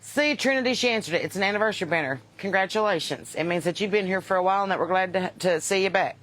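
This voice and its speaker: A woman's voice: fairly low pitch, rapid-fire, a bit bright, rough recording. A woman from Kentucky with a Southern US accent chats casually to livestream viewers as host, folksy, unpolished and wisecracking. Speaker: host and singer chatting with live viewers.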